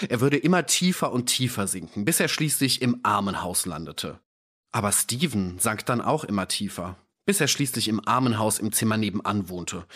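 A man's voice: lowish voice, a bit bright. A man narrating an audiobook in a dry, ironic storytelling manner. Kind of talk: scripted narration.

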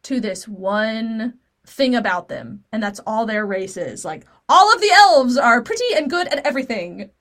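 A woman's voice: fairly high pitch, lively intonation, normal speed, a bit bright. A woman in her thirties co-hosting a podcast, chatting casually, laughing often and using lots of fillers. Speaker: podcast co-host. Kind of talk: casual chat.

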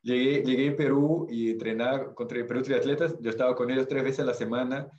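Speaking briskly in a steady, medium-pitched voice that's a little mellow, this amateur triathlete appears as a podcast guest with lo-fi sound. A native Portuguese speaker with a Brazilian accent, he shares stories conversationally and frequently hunts for the right word.

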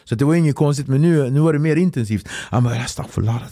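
Animated man telling a wild story. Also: a little high, no room sound, clean studio sound. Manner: animated, swearing, acts out quotes, laughs through the story. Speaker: podcast guest. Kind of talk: casual storytelling.

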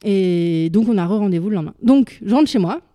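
Woman, casual storyteller, slangy and halting, mellow dry voice. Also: mid-range voice, animated, dry recording. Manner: chatty, halting, full of fillers and slang. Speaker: storyteller guest. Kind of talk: casual personal anecdote.

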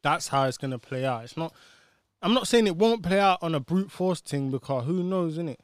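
A man's voice: on the high side, expressive, fairly quick, no echo, studio quality. A man with a British urban roadman accent, chatting casually in street slang and arguing his point emphatically. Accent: British urban street (roadman) English. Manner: emphatic, argumentative, repeats tag questions.

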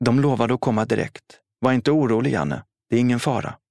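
A man's voice: vocal fry, a little mellow, no echo, lightly acted. A man voicing a terrified, pleading mother. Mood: frightened. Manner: pleading, raised pitch. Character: desperate terrified mother, woman, protective.

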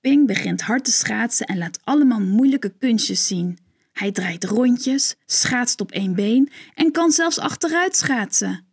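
A woman narrating a children's story in a gentle, clear storytelling manner. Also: a little high, animated, a little slow.

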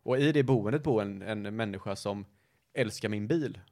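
A man's voice: on the low side, darkish tone. A man in casual podcast chat, telling a story at length, rambling and often correcting himself mid-sentence. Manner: rambling, self-correcting, lots of fillers. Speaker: podcast host.

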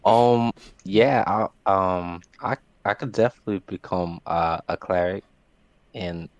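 A man playing a tabletop game, speaking in character in a halting way full of fillers. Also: sits low, darkish tone, no echo, highs cut off. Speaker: player.

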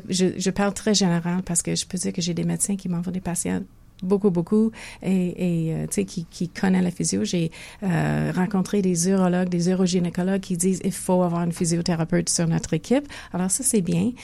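Warm-toned older Québécoise explaining patiently. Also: female voice, lowish voice, steady tone, a little fast, creaky. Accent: Québécois French. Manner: thoughtful, many restarts and hesitations. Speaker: physiotherapist guest. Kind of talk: conversational interview.

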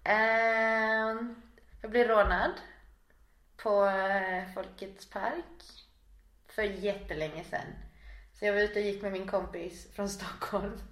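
Brief: woman guest, lively storyteller, echoey room. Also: mid-range voice. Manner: lively storyteller, quotes people with slang. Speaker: podcast guest. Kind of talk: casual chat, anecdotes. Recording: roomy echo.

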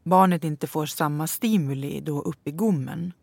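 A woman's voice: sits low, creaky, darkish tone, breathy edge, no echo. A woman co-hosting a podcast, chiming in with thoughtful remarks in casual conversation. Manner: thoughtful, interjecting.

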